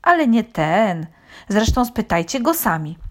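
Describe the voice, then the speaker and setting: A woman's voice: medium pitch, big pitch swings, measured pace, voice pushed up. A woman voicing a wise, dignified male horse in a children's story, speaking firmly. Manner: firm and authoritative.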